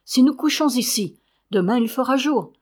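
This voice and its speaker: A woman voicing a talkative, uneasy young male soldier in an audiobook, with a lively, raised voice. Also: high-pitched, normal speed, breathy edge, voice pushed up.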